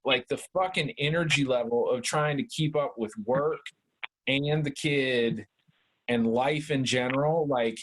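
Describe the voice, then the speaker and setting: A man's voice: mid-range voice, unhurried, fairly bright tone. A man in his thirties co-hosting a podcast, rambling in casual chat and peppering every sentence with "like", "dude" and swearing. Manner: rambling, heavy "like" and "dude" fillers, swears a lot. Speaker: podcast co-host.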